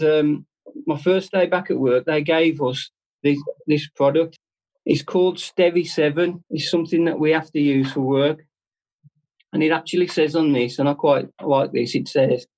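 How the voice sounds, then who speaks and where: This is a man delivering a short, heartfelt devotional talk to his congregation. His voice sits somewhat higher than most men's. He speaks in a plain, chatty way, often stopping and restarting mid-phrase. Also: darkish tone, low-quality recording. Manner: earnest and conversational, with halting restarts. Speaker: church speaker.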